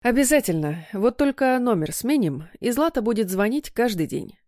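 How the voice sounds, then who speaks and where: A woman's voice: on the high side, big pitch swings, moderate pace, darkish tone, no echo, clean studio sound. A woman voicing a reserved, commanding young husband in an audiobook, speaking curtly and with restraint. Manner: curt, restrained.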